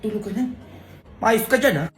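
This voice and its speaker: A woman's voice: on the high side, brisk. A woman acting out a comedic family sketch, switching between a nagging mother and her child, over background music in an echoey room. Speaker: comedy skit creator. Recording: roomy echo with background music.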